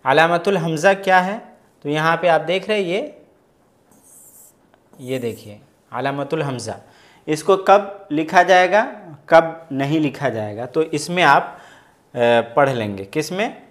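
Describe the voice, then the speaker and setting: A man with a fairly high, expressive voice teaches Arabic grammar step by step. He patiently poses questions and answers them himself, reading example phrases slowly and carefully.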